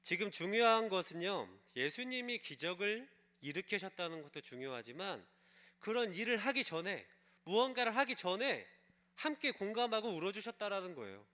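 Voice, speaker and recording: Bright-voiced man preaching a sermon. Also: sits high, sing-song, normal speed. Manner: storytelling, asks the congregation questions. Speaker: pastor. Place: church service.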